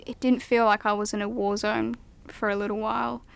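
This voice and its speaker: A woman's voice: medium pitch, little pitch movement, fairly quick, gravelly. Reflective woman journalist from Ukraine. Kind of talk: documentary narration. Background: music.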